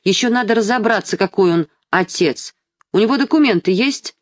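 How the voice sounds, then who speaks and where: A feisty schoolgirl, voiced by the reader, pitched up above the reader's own voice and defiant. She shouts back at grown-ups without fear. The sound is dry and close. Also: lively intonation, normal speed, no echo, close to an everyday voice. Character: bold schoolgirl, fierce, feisty.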